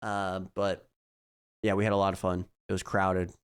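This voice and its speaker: A young man hosting a casual chat, sick and raspy, relaxed and full of fillers, trailing off quietly. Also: low voice, normal speed. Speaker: podcast host.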